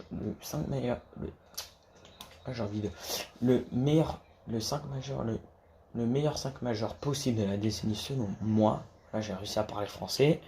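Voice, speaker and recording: A man's voice: mid-range voice, dark tone, slight background noise. A man talking casually to camera about basketball, rambling with many restarts and casual swearing. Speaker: basketball YouTuber.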